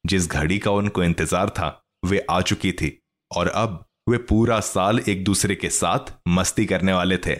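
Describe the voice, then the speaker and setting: A man narrating a children's story in an expressive, scripted reading. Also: low voice, a little slow.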